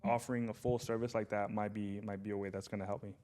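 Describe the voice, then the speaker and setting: A man in his thirties from Southern California talks as a podcast guest, easygoing and rambling, his story full of "dude" and "man". His voice sits a little on the low side. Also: level tone, fast talker, dark tone. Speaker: podcast guest, brand founder. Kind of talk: casual podcast chat.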